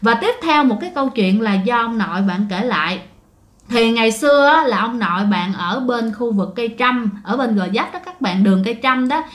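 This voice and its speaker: A woman's voice: fairly high pitch, a bit bright. A woman with a Southern Vietnamese accent, telling ghost stories in a chatty way and often addressing her listeners directly. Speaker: storyteller. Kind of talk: casual ghost story telling.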